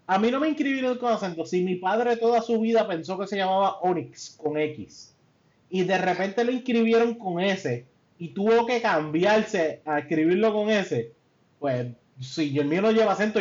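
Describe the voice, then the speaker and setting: High-voiced, foul-mouthed Puerto Rican man. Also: moderate pace, muffled recording. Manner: profane, joking, animated. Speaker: podcast co-host. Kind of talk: casual chat.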